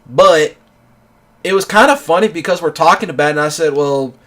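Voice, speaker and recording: A man's voice: on the high side, fairly quick, fairly bright tone. A man in his thirties telling a long personal story in a casual monologue, rambling with lots of fillers. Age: 30s. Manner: rambling, filler-heavy with many "you know"s. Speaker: gaming channel host.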